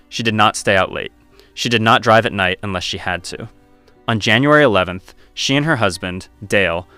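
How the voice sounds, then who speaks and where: Low-voiced man narrating a horror story. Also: a bit bright, dry recording.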